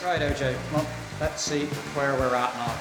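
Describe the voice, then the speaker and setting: A man's voice: mid-range voice, fairly even intonation, normal speed, loud music behind the voice. A man coaching a cyclist, blunt and direct, giving practical advice in an indoor training room. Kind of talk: coaching chat. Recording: roomy echo.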